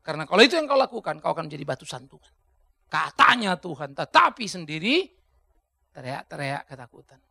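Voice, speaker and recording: A male pastor preaching a sermon in a colloquial way, swinging between hushed asides and loud outbursts. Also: fairly high pitch, sing-song, fairly quick, creaky, husky, no echo.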